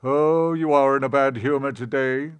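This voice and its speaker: A man reading aloud, voicing a cheerful, friendly male good god in a storybook parable, speaking raised and bright. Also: mid-range voice, fairly even intonation, moderate pace, clean tone, pitched above the performer's own voice, close to an everyday voice.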